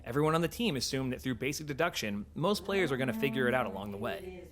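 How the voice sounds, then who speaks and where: A man giving scripted developer commentary on a video game, with a measured, explanatory read. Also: medium pitch, lively intonation, crowd noise.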